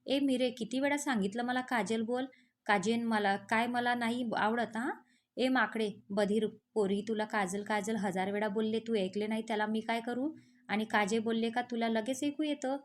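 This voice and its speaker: Woman narrator voicing cheeky young village girl, rural speech, higher voice. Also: steady tone, moderate pace, natural voice. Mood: teasing. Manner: teasing, rural dialect.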